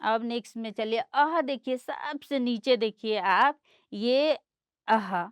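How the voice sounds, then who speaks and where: A woman teaching young children, explaining slowly and patiently and mixing words into her lessons. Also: fairly high pitch, clean tone, dry recording, studio quality. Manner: slow, patient, explaining and pointing things out; mixes English words into Hindi explanations.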